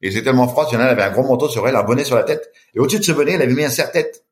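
Middle-aged man, quick lively storytelling, acts out voices, podcast guest. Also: mid-range voice. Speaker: guest, long-distance swimmer. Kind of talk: animated storytelling in a podcast interview.

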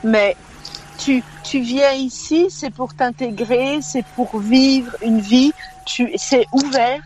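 This radio caller, a Belgian woman in her fifties, speaks her mind frankly over the phone and keeps restarting her sentences. Her voice is high, slow and darkish, and the low-quality recording has slight background noise.

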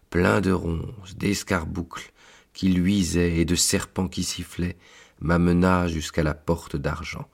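A man reading a story aloud in the first person, slow and deliberate with dramatic touches. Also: deep voice, gravelly, breathy edge. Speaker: narrator and reader.

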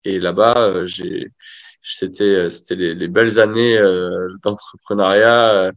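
A man in his thirties talks casually as a podcast guest, using lots of filler sounds. His voice is on the low side. The audio is dull and lo-fi, with the top end missing. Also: steady tone, measured pace. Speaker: guest, company CEO. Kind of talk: podcast interview.

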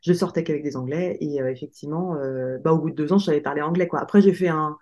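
A woman in her late thirties, a podcast guest telling her story in a relaxed, hesitant, conversational way. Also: low-pitched, quick pace. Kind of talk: casual conversational interview.

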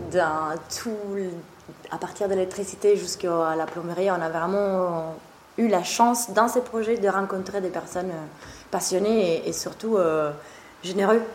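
A young woman from northeast Italy, a café co-owner, is a guest in a casual interview, speaking at a measured pace in a lowish, steady voice. She sounds hesitant, uses many fillers and laughs often, in a roomy recording with faint noise.

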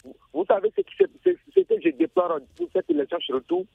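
A man from Benin, calling in to a radio show over the phone and speaking in halting bursts with many restarts. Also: extremely high pitch, animated, vocal fry, no echo. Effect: phone call into a radio show. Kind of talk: listener calling in to give his opinion. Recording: tinny dry phone line.

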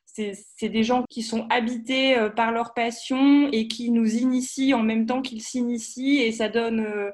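A woman's voice: a little high, steady tone, measured pace, few pauses, a little mellow. A woman giving a casual book review, often stopping to rephrase herself. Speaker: podcast contributor.

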